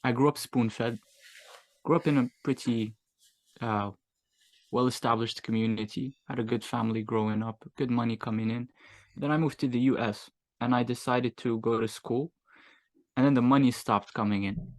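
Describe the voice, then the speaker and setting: A man's voice: mid-range voice, fairly even intonation, moderate pace. A young man with a Moroccan accent, telling his own story candidly in an interview in a reflective, casual way. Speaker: guest, agency owner.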